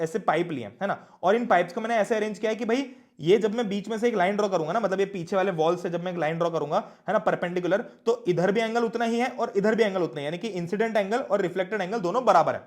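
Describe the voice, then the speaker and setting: A young man teaching an online class, chatty and often asking his students questions. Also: sits high.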